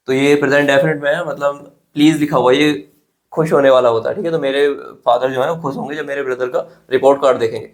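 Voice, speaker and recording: An Indian man teaching an exam-prep English grammar lesson, explaining step by step and often checking in with his students. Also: medium pitch. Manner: explains step by step, often asks "theek hai?".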